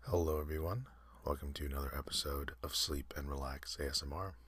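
Very deep husky whispering man. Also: fairly even intonation, dry recording. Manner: soft, halting, many fillers. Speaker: ASMR host. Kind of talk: whispered guided meditation.

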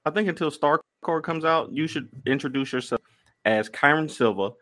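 A man's voice: a little high, moderate pace, fairly bright tone. A man co-hosting a podcast in casual conversation. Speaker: podcast co-host, comic creator. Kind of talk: casual chat.

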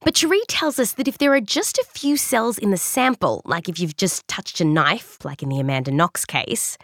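Recorded with studio clarity and no room sound, an Australian woman hosts and narrates a scripted science documentary at a medium pitch. She speaks conversationally, as if telling a story, and hits key words with emphasis.

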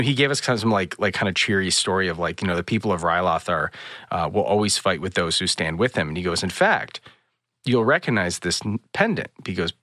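A man co-hosting a casual chat show, telling a story with excitement and acting out the quotes. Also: sits low, no room sound, studio quality. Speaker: podcast co-host.

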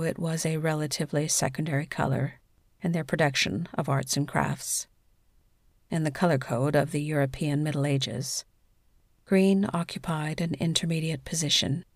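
A woman narrating a scripted sleep story in a soothing, measured bedtime delivery. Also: sits low, dry recording, studio quality.

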